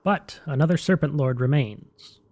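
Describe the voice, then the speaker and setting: Mellow, dark-toned male storyteller. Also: on the high side, normal speed. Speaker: narrator. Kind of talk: scripted fantasy game lore narration.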